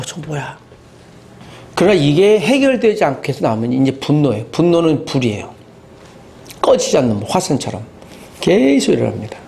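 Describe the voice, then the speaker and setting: A man preaching a sermon as pastor, animated, acting out inner voices and asking the congregation questions. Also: on the high side.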